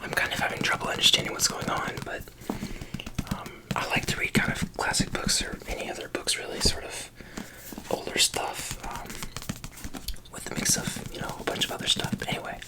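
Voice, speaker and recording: An ASMR host speaks entirely in a soft, breathy whisper, close to the mic. The delivery is casual and rambling, with a halting, self-conscious hesitancy as they think aloud. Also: rough recording. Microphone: close ASMR microphone.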